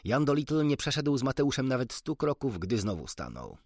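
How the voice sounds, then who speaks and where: A man narrating a children's book in an expressive, measured storytelling manner. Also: medium pitch, no echo, clean studio sound. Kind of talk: audiobook narration.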